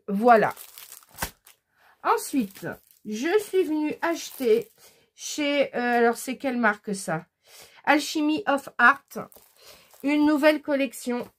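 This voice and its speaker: Showing her new scrapbooking supplies in a relaxed haul video, this woman sounds excited but hesitant and keeps stopping with "euh." She has a high, expressive voice.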